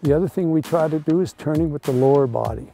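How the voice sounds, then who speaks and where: A man's voice: fairly high pitch, fast, vocal fry, mellow, faint music behind. A middle-aged man, a ski instructor, explaining things in a casual conversational way outdoors at a resort.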